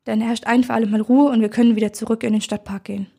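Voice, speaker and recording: A woman voicing a dim-witted, eager male troll warrior in a storybook reading, with a husky voice. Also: fairly even intonation, racing, mellow. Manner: booming, then sheepish.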